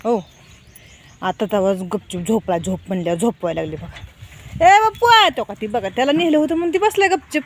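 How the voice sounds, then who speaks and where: A woman's voice: on the high side, expressive, a little fast, slight background noise. A woman, vlogging at home as she coaxes her toddlers in a sing-song voice. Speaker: vlogger and mother. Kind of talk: casual home vlog talking to small children.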